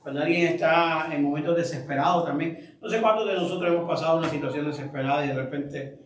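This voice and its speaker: A man's voice: fairly high pitch, quick pace, slight background noise. A man leading a church Bible study, speaking reflectively and asking the group questions. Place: church room. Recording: echoey room, voice from far off.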